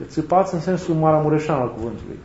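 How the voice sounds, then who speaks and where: A man preaching a sermon in a reflective way, often repeating and rephrasing his points, with touches of gentle humor. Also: fairly high pitch, animated, a little hiss or hum. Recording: roomy, slightly dull recording with faint ambience.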